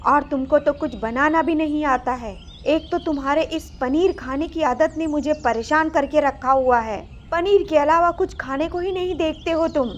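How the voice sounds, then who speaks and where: A woman's voice: high voice, moderate pace, few pauses, slight background noise, natural voice. A woman voicing a fussing mother rat in a storybook cartoon, talking in a fretful, scolding way. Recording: slightly muffled recording.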